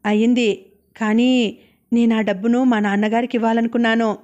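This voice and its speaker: A woman voicing a gentle, dutiful young wife who speaks politely and pleadingly. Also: fairly high pitch, little pitch movement, moderate pace, muffled recording, lightly acted.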